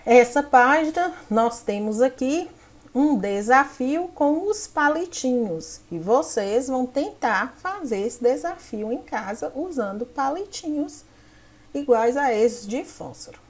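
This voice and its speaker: Woman teacher from Brazil, slightly high voice, patient, step-by-step, explaining workbook tasks to children. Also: lively intonation, takes it slowly. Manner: patient, step-by-step, points at the page. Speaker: primary school teacher. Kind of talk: explaining textbook activities to children.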